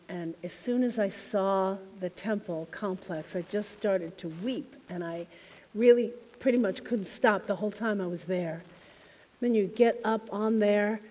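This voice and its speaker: A woman minister telling a congregation a heartfelt story in a reflective way, her phrases often trailing off softly. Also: mid-range voice, big-room sound. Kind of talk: spiritual talk to a congregation. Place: temple hall.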